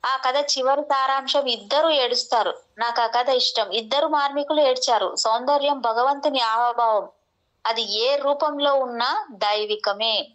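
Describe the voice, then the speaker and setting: A woman reading a translated spiritual discourse as steady scripted narration, with an occasional restart. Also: high voice, moderate pace, dull audio.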